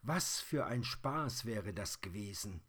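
A man reading a children's storybook aloud in a calm, soft, unhurried manner. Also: lowish voice.

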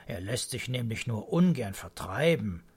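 A man's voice: mid-range voice, big pitch swings, a little slow, husky, heavily acted. A man voicing a sleepy, teasing old grandfather in a storybook reading, mumbling and drowsy.

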